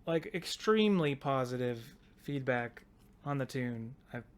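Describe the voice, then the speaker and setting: Smooth-voiced man, rambling podcast chat. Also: medium pitch, expressive, measured pace. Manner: rambling, self-interrupting, laughs often. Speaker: podcast co-host. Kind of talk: casual chat.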